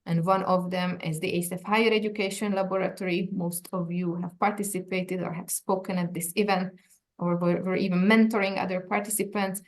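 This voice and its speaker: Woman meeting chair on a video call; low, fry-heavy voice; polite, procedural delivery. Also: flat delivery, a little fast. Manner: polite, procedural, with some fillers. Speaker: education department director, meeting chair.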